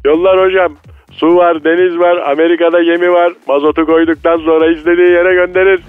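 A man playing an evasive, deadpan head of state in a comedy sketch, heard over a phone line. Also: a little high, a little fast, smooth, no room sound. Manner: evasive, answers in vague round phrases. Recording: tinny dry phone line.

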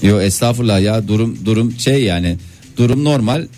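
A man's voice: fairly low pitch, fairly quick, mellow, soft background music. A man hosting a morning radio show, bantering and joking with his co-hosts. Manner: playful, hums and clowns around.

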